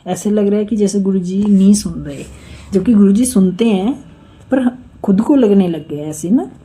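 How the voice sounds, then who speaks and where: A woman's voice: medium pitch, normal speed, dark tone, breathy edge. A middle-aged woman from India sharing a long, earnest devotional testimony, rambling and repeatedly addressing the listeners directly.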